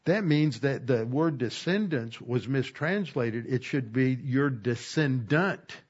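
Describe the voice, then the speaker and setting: A man teaching an expository Bible lesson, slowing down to stress key words. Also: medium pitch, lively intonation, darkish tone, husky, lo-fi sound.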